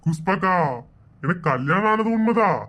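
A woman's voice: medium pitch, lively intonation, normal speed, fairly bright tone. A woman voicing a cheeky, teasing drunk village man in a cartoon.

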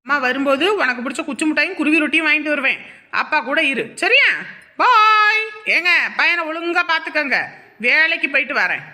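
A woman's voice: high-pitched, brisk, sharp tone. A woman playing a determined young mother who firmly insists on going to work. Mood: tender. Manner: firm, defiant. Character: determined young mother set on getting a job.

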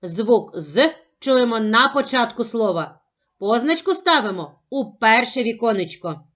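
A woman teaching a phonics lesson to young children, sounding out syllables slowly and carefully. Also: fairly high pitch, animated, a bit bright. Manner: slow, careful, over-articulated sounding out of syllables.

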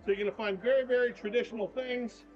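An older male travel vlogger guides a casual walking tour through the shops and streets of a small town, moving between indoors and out. He's upbeat and chatty, with a fairly high voice, a steady tone and a fast delivery. The camera mic gives slightly dull sound, with faint shop music in the background.

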